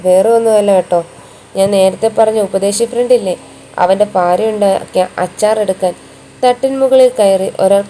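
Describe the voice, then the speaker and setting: A woman narrating a romantic story in an even, unhurried reading voice. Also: medium pitch, a little hiss or hum, low-quality recording.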